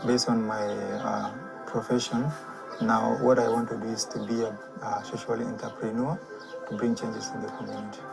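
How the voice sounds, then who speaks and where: Flat, gravelly man over music. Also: on the low side, low-quality recording. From South Sudan. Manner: halting, with many fillers. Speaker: course facilitator in a testimonial video. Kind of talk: personal testimonial. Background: background music.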